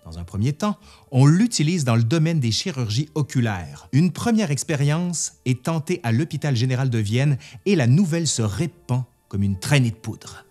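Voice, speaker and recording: Male history narrator, animated delivery, faint music under, scripted read. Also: mid-range voice, moderate pace. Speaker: history video host.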